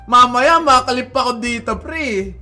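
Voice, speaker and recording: A man's voice: very high-pitched, lively intonation, unhurried, over music. A young man co-hosting a podcast, bantering playfully, teasing his friends and laughing often. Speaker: podcast co-host.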